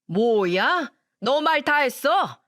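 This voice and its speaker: A woman voicing a spiteful, angry older father-in-law in a radio story reading, shouting with scorn and drawing words out. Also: high voice, sing-song, drawn-out words, pitched above the performer's own voice, exaggerated voice. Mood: furious scornful.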